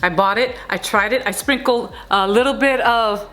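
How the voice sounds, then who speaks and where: A woman's voice: fairly high pitch, moderate pace, pushed and bright. Chatty woman cooking vlogger. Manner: chatty and playful, with a preachy blessing at the end. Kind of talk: casual cooking vlog. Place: home kitchen under hot lights.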